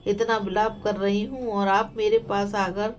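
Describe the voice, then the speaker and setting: A woman's voice: mid-range voice, flat delivery, measured pace, slight background noise, close to an everyday voice. A woman voicing a frightened, devoted young queen who pleads and laments as she calls for her missing husband. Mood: pleading, frightened.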